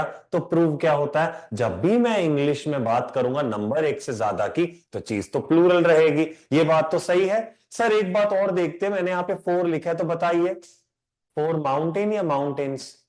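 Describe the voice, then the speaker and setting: A man teaching English grammar in an online lecture, talking in a lively, conversational way, mixing English phrases into Hindi and quizzing his students. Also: on the high side.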